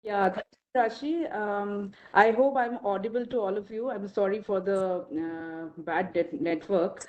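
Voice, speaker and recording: A woman's voice: medium pitch, a little slow, highs cut off. A woman co-hosting an online panel, speaking hesitantly and apologetically over weak call audio on a bad network connection. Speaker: co-host. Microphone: video call with camera off.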